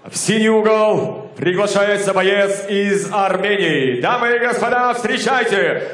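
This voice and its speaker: A man announcing boxers from the ring like a grand ringmaster, drawing out names over an echoey arena PA. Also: sits high. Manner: grand showman delivery with drawn-out, shouted names. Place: large indoor boxing arena, in the ring. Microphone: handheld microphone over PA.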